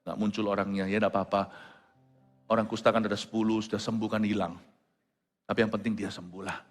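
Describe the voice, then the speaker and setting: A man pastor preaching a sermon, who moves between quiet storytelling and loud exclamations and drops English phrases into his talk. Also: lowish voice, little pitch movement, brisk. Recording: long hall reverb with faint music.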